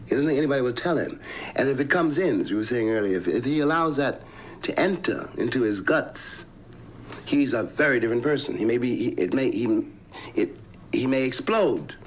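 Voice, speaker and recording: A man speaking thoughtfully in a television conversation, measured and searching for his words. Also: mid-range voice, expressive, rough recording. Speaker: interview guest. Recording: archival broadcast with faint noise.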